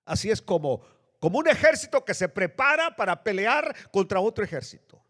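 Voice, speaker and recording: A male pastor preaching a sermon with dramatic swings between loud, high bursts and low, hushed lines. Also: big pitch swings, normal speed. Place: church sanctuary. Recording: long reverb of a church hall.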